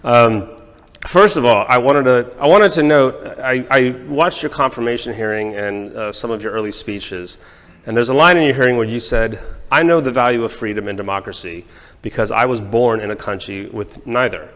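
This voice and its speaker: A man interviewing a guest in a chatty, joking way with quick asides. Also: medium pitch, fairly bright tone. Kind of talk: conversational interview questions. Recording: long hall reverb.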